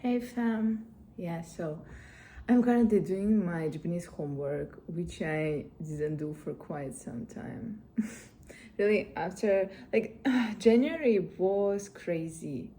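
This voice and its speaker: A woman speaking slowly and in a fairly low voice in a casual study vlog. She often hesitates, laughs at her own slips and fixes them as she goes. She chats as if talking to friends watching her. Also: a little hiss or hum. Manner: excited, talks to herself while checking results. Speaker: vlogger studying Japanese.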